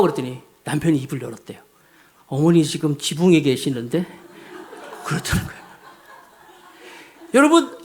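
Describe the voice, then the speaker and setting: A middle-aged man preaching a Sunday sermon, telling a story with acted dialogue and emphatic rises. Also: on the high side. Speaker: pastor.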